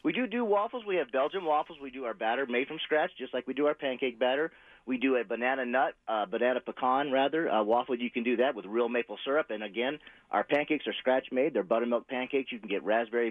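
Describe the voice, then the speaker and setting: A man's voice: medium pitch, quick pace. A man calling in to a radio show to promote his restaurant's specials, upbeat and salesy, rattling off menu items. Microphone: telephone. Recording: tinny phone line.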